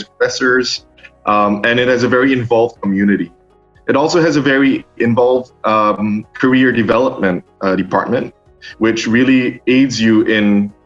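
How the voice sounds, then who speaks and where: A young man from Singapore, a master's student, answering interview questions in a halting way full of ums and restarts. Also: fairly low pitch. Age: young adult. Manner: hesitant, many ums and restarts. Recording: dull lo-fi sound with faint music.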